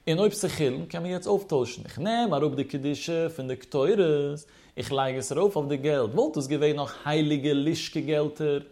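A man leads a Talmud study lesson in a fairly high voice. He lays out the reasoning step by step and poses rhetorical questions along the way. Hebrew study terms come up often in his explanation. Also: moderate pace, a little mellow. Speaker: religious teacher.

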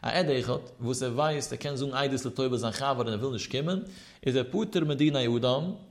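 A man's voice: medium pitch, brisk. A man teaching a religious study lesson, explaining texts in a sing-song cadence that rises and falls widely. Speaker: Talmud teacher.

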